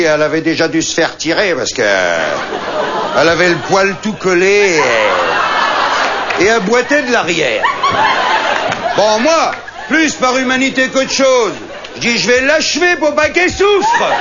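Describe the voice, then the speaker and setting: His voice is high and the clip very noisy as this stand-up comedian delivers a comic monologue to a live audience. He plays a chatty, boastful bragger full of colloquial hunting-and-fishing tales. It's a dull live recording with a loud crowd and audience laughter behind him.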